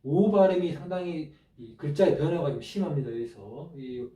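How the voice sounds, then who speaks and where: A man teaching a script lesson, explaining each stroke step by step in a halting way with many fillers. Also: fairly high pitch, expressive, mellow. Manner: halting, many fillers, pointing through steps. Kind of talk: spoken lecture explaining script on a board. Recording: distant mic, echoey room.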